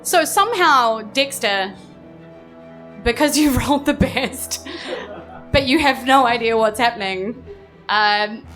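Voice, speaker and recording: A woman from New Zealand runs a live tabletop game as game master on stage at a club, narrating casually and playfully and often rephrasing as she improvises. Her voice is fairly high and fairly bright, with lively intonation, a slow pace and long pauses, and music plays beneath it.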